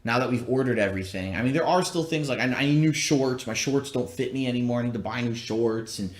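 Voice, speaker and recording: Man with cavernous empty-room echo. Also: quick pace. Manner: rambling, plain-spoken. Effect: cavernous room echo from bare, unfurnished rooms. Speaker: streamer. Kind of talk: casual chat about home plans. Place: empty newly moved-into house, indoors. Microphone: laptop livestream. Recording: echoey empty room on a low-quality laptop stream.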